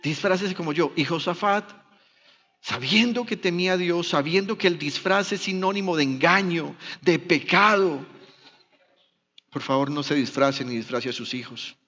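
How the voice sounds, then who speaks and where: A man's voice: on the high side, a little slow, sharp tone, long reverb tail, highs cut off. A Colombian man, a pastor, preaching a sermon in a church, telling biblical stories with dramatic shifts of voice. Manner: dramatic storytelling, acting out biblical dialogue.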